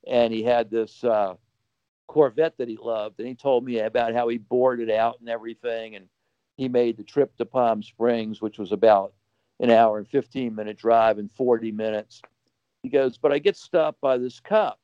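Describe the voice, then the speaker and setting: A man's voice: medium pitch, fairly even intonation, normal speed, mellow, clean tone, no echo, lo-fi sound. A man telling a long anecdote as a podcast guest, rambling casually with fillers and restarts. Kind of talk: casual storytelling.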